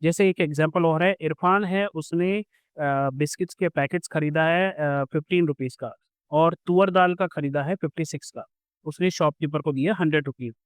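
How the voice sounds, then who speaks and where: A man's voice: fairly high pitch, moderate pace, smooth, dry recording. A man teaching a school math lesson, patiently explaining step by step with everyday examples.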